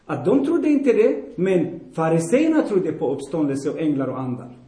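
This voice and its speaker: A man's voice: on the high side, sing-song, dark tone. A man preaching a sermon bluntly and emphatically, repeating himself for stress and putting questions to the congregation. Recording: roomy echoing hall.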